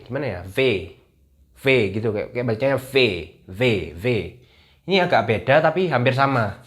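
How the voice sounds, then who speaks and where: A young man runs a casual video lesson in a mid-pitched voice. He talks in a chatty way and repeats each letter slowly so viewers can follow along. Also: lively intonation. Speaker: language teacher.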